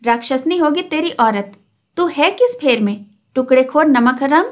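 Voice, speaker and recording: A woman voicing a fierce, quarrelsome peasant wife who shouts and scolds. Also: high voice, expressive, normal speed. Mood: furious.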